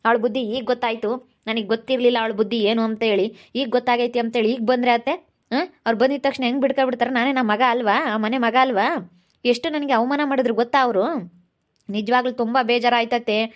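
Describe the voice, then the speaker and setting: A woman's voice: fairly high pitch, natural voice. Woman doing a young village guy, fed up and hurt, keeps complaining. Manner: complaining, aggrieved, repeats the same grievance. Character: aggrieved young village husband and son. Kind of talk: amateur village drama acting.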